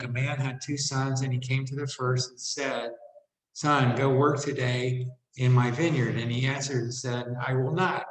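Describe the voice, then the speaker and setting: A man reads scripture aloud at a steady, measured pace, his voice sitting at an ordinary middle pitch. The room adds a noticeable echo around his words. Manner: steady, measured reading with brief asides. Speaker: scripture reader. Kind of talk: plain Bible reading aloud. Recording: roomy echo.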